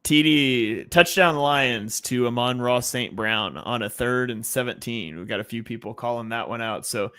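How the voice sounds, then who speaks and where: Man, bright voice, live stream host, play-by-play, reads chat comments. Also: medium pitch, moderate pace, few pauses, clean tone. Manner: relaxed, reads viewer comments, calls plays. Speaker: live watch-party host.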